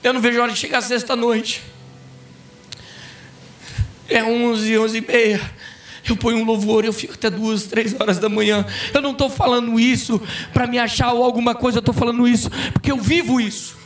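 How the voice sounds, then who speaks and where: A male pastor preaching a fervent sermon, breaking into shouts. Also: very high-pitched, level tone, moderate pace, distant mic, soft background music. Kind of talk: impassioned sermon. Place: church conference hall.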